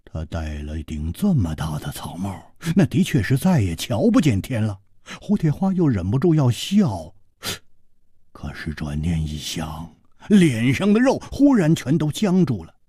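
A man telling a martial arts tale for radio in a vivid, animated storytelling style. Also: unhurried, husky, no echo, clean studio sound. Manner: highly animated, vivid delivery.

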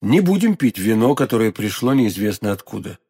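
Brief: reserved older musketeer, grave, low and measured, performed by a man. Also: very animated, warm tone, breathy edge, full character voice. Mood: stern. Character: grave noble male musketeer, calm, reserved.

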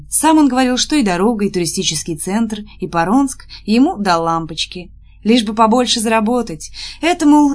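Woman reading a story aloud, voice swings up and down a lot, expressive. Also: mid-range voice. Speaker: audiobook narrator. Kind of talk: scripted narration.

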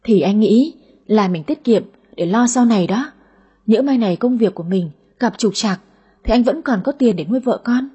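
A woman's voice: a little high, animated, moderate pace, warm tone, husky, highs cut off. A woman voicing a hesitant, thrifty young man on a date in an audio story. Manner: hesitant, timid.

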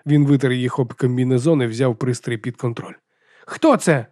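Brief: male audiobook narrator, mid-pitched, steady and measured, dry close recording. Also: no room sound. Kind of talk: scripted narration.

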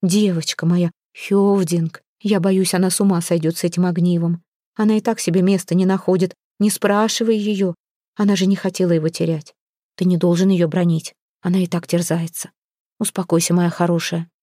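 A woman's voice: on the low side, flat delivery, normal speed, warm tone, no echo, studio quality, lightly acted. A woman voicing a caring mistress of the house who soothes her daughter in a read-aloud story. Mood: worried. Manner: soothing, worried.

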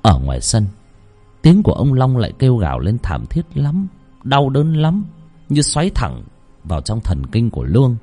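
A man's voice: mid-range voice, wildly swooping pitch, moderate pace, warm tone, faint music behind. A man narrating a horror story with dramatic, tense delivery.

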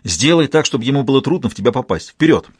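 A man voicing a steady male mountain guide in an audiobook, giving calm, clipped instructions. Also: mid-range voice, racing, slightly rough, dry recording, pitched above the performer's own voice. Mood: urgent. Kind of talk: audiobook dialogue.

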